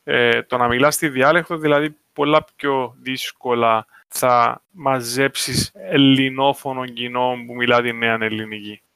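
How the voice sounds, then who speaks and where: A man's voice: mid-range voice, steady tone, sharp tone, clean tone, dry recording. A man with a Cypriot Greek accent, talking in a casual discussion. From Cyprus.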